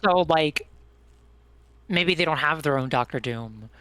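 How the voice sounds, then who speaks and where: Co-streamer, man, slightly high voice, eager explainer, dry. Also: expressive, unhurried, sharp tone, dry recording. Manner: enthusiastic explaining, filler-heavy. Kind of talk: casual chat.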